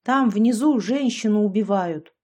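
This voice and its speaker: A woman's voice: medium pitch, darkish tone, natural voice. A woman voicing a nervous young woman who snaps and panics easily. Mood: indignant. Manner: agitated, quick to snap.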